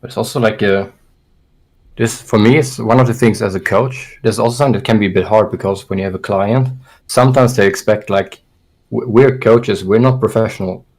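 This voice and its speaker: On a rough recording, a young man talks through ideas in a casual podcast, often hesitating and starting his sentences over. He's a fitness coach, born in Germany and brought up in Sweden, with an accent from both, and his lowish voice is a little mellow and fairly quick.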